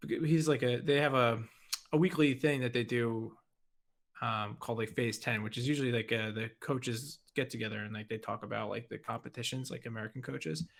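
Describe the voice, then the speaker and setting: A man in easy podcast chat, rambling along and leaning hard on "like" and "you know". His pitch sits in an ordinary middle range, and he talks in loose, run-on sentences. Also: steady tone, brisk, creaky. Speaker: podcast co-host. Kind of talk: casual chat.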